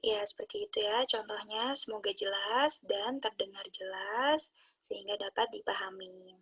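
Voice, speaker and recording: Soft-spoken, husky woman teacher. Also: mid-range voice, moderate pace. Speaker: Quran recitation teacher. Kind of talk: explaining a lesson.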